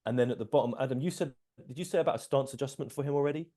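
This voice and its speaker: A man giving casual coaching commentary, explaining in a measured way and checking for agreement. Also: medium pitch, mellow. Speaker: strength coach, host.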